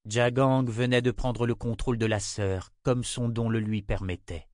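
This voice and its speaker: A man narrating a fantasy novel as an audiobook in a steady, measured way. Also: medium pitch, no room sound, studio quality.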